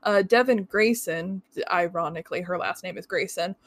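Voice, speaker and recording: A woman's voice: lowish voice, moderate pace, no echo, clean studio sound. A woman co-hosting a casual podcast chat, talking frankly and swearing casually. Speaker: podcast co-host.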